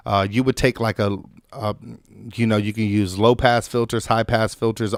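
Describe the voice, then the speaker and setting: A man hosting a music production tutorial in a loose, conversational way, full of fillers and restarts, his voice still a little hoarse from an illness. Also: mid-range voice, no echo, studio quality. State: recovering from illness, slightly hoarse. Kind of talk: casual on-screen tutorial.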